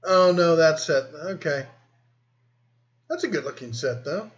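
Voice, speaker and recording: A man's voice: fairly high pitch, lively intonation, unhurried, lo-fi sound. A man hosting a casual live stream, reading and answering viewer comments in a rambling, easygoing way. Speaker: host.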